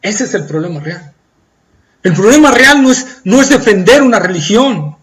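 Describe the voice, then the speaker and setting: A man with a Latin American Spanish accent preaching a sermon, swinging from loud pleading cries to soft hushed tones and acting out the pleas of the faithful. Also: high voice, expressive, moderate pace, low-quality recording. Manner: acts out pleading voices of the faithful.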